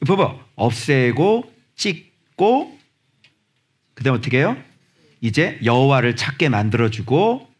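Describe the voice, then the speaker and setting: Pastor, male, husky, lively swooping pitch, fiery church sermon delivery with acted-out dialogue. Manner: animated, shouting exhortations at the congregation; acts out little dialogues in different voices. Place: church sanctuary.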